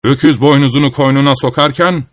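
A man narrating a folk tale aloud in a steady storytelling manner. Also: mid-range voice, quick pace, no room sound.

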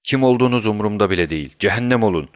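A man's voice: on the low side, animated, rapid-fire, dry recording, studio quality, voice pushed up, natural voice. A man playing a roaring, furious student. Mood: enraged. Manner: roaring, rude. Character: furious male student shouting through a door.

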